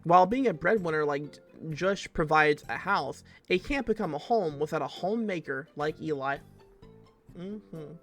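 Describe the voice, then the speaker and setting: A man's voice: a little high, animated, moderate pace, hardly any pauses, a bit bright, soft background music. A man streaming himself as he reads fan fiction aloud, breaking off for joking asides and laughing often.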